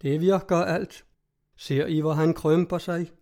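A man's voice: fairly high pitch, steady tone, creaky, warm tone. A man voicing a stout, fervent old monk who exclaims his warnings. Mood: gloating. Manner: zealous, exclaiming.

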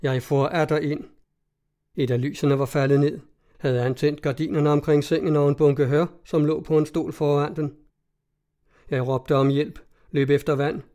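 A man narrating a classic story in a measured storytelling manner. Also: on the high side, dark tone. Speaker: audiobook narrator. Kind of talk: scripted narration of a classic tale.

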